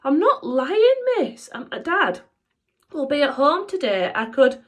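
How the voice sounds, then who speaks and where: A woman's voice: high voice, very animated, a little slow, voice pushed up. A woman voicing a worried schoolboy in a children's storybook reading, stammering and pleading. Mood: anxious. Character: anxious schoolboy in trouble.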